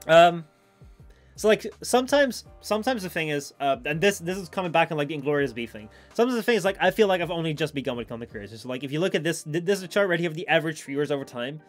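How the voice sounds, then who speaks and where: A man's voice: fairly high pitch, animated, quick pace, faint music behind. A man live streaming in a casual, rambling, informal chat with his viewers.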